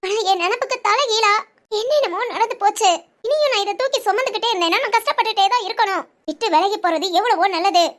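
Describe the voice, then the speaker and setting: A performer voicing a bitter, defiant young bride who answers in sharp, curt retorts. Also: very high voice, quick pace.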